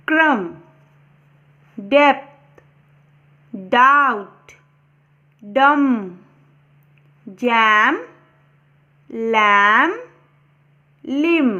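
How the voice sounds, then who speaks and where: Slow high-voiced woman teacher. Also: a bit bright. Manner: reads words one by one, with short asides. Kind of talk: slow word-list lesson. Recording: dull lo-fi recording.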